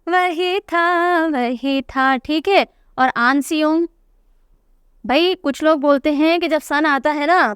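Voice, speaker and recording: High-voiced chatty woman teacher. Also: clear, resonant tone, dry recording, studio quality. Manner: chatty, teasing, repeats key names. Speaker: current affairs teacher. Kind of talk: exam-prep lesson.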